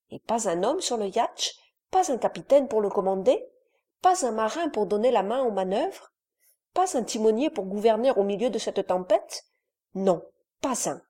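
A woman reading a classic adventure novel aloud in a measured, dramatic storytelling manner. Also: mid-range voice, warm tone. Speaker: audiobook narrator.

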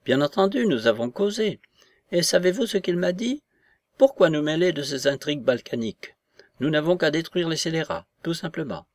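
A man voicing an excitable, fanatical old aristocratic woman in a read-aloud novel. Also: fairly high pitch, normal speed, no room sound, pitched above the performer's own voice, natural voice. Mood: insistent. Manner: agitated, exclaiming, insistent.

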